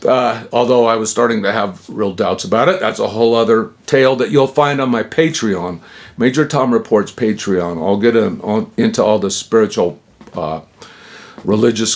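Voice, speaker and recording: Fairly low in pitch and moderate in pace, this voice comes from a Utah man in his sixties. He's a rambling vlogger-storyteller who interrupts himself, chuckles a lot, and tosses in slangy asides.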